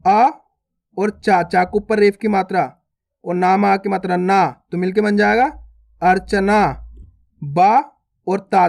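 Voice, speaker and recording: Male reading teacher, fairly high voice, patient and repetitive, sounds out every syllable, friendly informal tone. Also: vocal fry. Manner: addresses viewers as friends, informal. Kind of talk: slow, spelled-out reading lesson.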